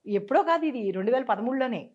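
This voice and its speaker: A woman guest telling a personal story in a conversation, earnest and halting, restarting and repeating herself. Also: on the high side, expressive. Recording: dull lo-fi sound.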